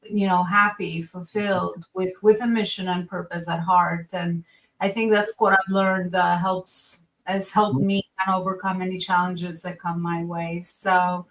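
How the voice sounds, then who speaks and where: A woman's voice: lowish voice, flat delivery, measured pace, a bit bright, far from the mic, low-quality recording. A woman in her forties from Albania, telling her story as a podcast guest in an earnest, reflective way, with many fillers and restarts.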